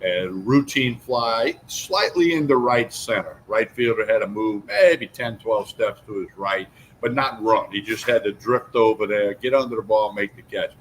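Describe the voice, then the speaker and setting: A man's voice: on the low side, lively intonation, moderate pace, fairly bright tone, a little hiss or hum, low-quality recording. A man co-hosting a casual sports talk show, folksy and opinionated, talking with many fillers.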